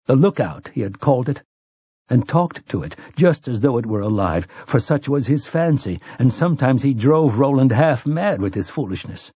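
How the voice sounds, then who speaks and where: A man narrating a fantasy audiobook in a measured, intense storytelling manner with a husky voice. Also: medium pitch, lively intonation, dark tone, dry recording. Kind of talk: scripted dramatic narration.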